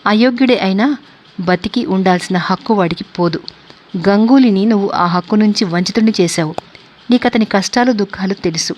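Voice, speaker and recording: A stern old man, as a woman narrator puts him on in a read-aloud novel. He lectures and reproaches in measured sentences. Her pitch stays in an ordinary middle register. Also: a little mellow, a little hiss or hum, natural voice. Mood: reproachful.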